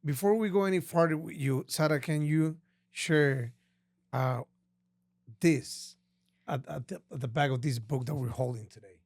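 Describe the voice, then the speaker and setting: A man's voice: fairly high pitch, normal speed, no echo, clean studio sound. A man hosting a podcast, welcoming and questioning his guest with enthusiasm. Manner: enthusiastic, warm welcoming, loose phrasing. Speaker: podcast host. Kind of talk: casual interview chat.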